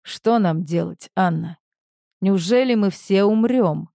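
A man's voice: lively intonation, measured pace, darkish tone, no room sound, studio quality. A woman voicing a hysterical, pompous middle-aged male producer who rants shrilly. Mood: scared. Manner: shrill, panicky, ranting.

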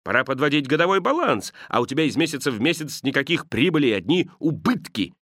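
A man's voice: fairly high pitch, sing-song, fast talker, a bit bright, no echo, clean studio sound. A man reading the part of a grumpy, miserly old man who talks in a grumbling, dismissive way. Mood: scornful. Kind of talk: audiobook character reading.

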